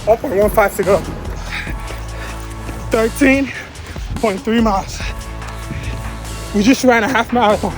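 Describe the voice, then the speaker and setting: Runner vlogger, breathless, high and slow, loud music bed behind. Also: male voice. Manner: upbeat, brief progress updates while jogging. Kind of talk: running vlog check-ins. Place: outdoors on a run.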